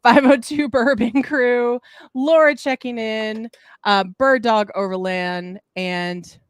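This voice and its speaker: A woman co-hosting a casual live show, reading out viewer names and adding quick remarks. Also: on the high side, fairly even intonation, clear, resonant tone, no echo, clean studio sound. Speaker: co-host reading the chat.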